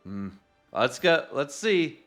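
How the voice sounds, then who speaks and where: A man's voice: on the high side, big pitch swings, slow, a bit bright, soft background music. A man streaming a video game live, reading its dialogue aloud and muttering casual asides.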